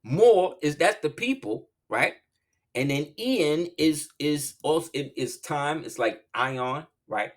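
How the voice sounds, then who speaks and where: Casual solo host, man, animated, pitch swinging from low murmurs to high bursts. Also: slow. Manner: animated, swings between low murmurs and loud laughing outbursts. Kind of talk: casual monologue.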